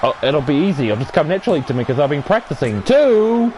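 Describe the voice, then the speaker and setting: A young man hosting a gaming video, calling a wrestling match play-by-play with excitable shouts and rambling asides. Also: medium pitch, racing, background noise. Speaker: gaming channel host. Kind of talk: play-by-play wrestling commentary over gameplay.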